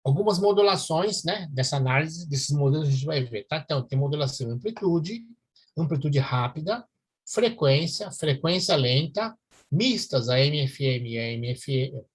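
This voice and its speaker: Professor guy explaining stuff, kinda husky voice, keeps checking in with the class. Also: on the high side, lively intonation, normal speed. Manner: explanatory, checks in with listeners often. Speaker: university professor. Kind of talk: online university lecture.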